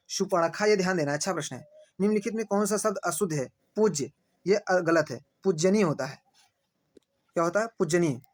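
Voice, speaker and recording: A male teacher running an exam-prep lesson, repeating each answer and asking quick rhetorical checks. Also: high-pitched. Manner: points at screen, says "dekhiye".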